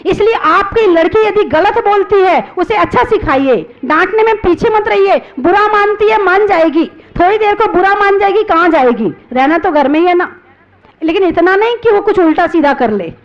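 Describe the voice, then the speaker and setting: A woman, a Jain nun, preaching a sermon, chanting verses slowly and explaining them with rhetorical questions. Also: extremely high pitch, animated, muffled recording. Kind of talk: religious sermon.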